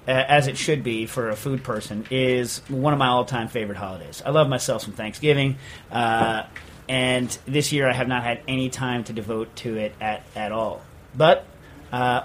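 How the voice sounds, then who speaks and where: A man's voice: mid-range voice, a little hiss or hum. Male radio host, casual studio banter, loose, joking delivery with plenty of "uh"s. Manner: loose, joking, rambling with many fillers.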